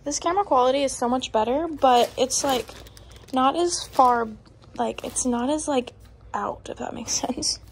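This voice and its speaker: A woman in her twenties with an American accent vlogs casually at home, moving between living room and kitchen. Her high-sitting voice runs at normal speed, captured by a phone or camera at arm's length with noticeable room noise from the handheld setup.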